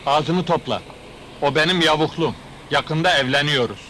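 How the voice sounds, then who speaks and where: A blunt grumbling migrant worker. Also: male voice, a little high, moderate pace, pushed and bright, slight background noise. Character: plain-spoken Turkish migrant worker, man. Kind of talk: 1980s film comedy acting.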